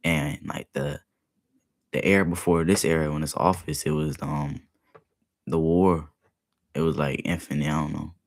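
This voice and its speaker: A man's voice: extremely low pitch, steady tone, moderate pace, pauses often. A young man chatting casually while reacting to a video, rambling with lots of filler words. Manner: rambling, heavy use of "like" fillers.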